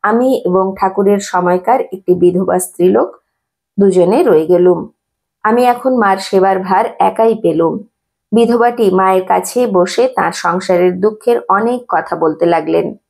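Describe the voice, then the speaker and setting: Woman narrator for a devotional memoir reading, steady and reverent, with a gravelly texture. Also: mid-range voice, unhurried.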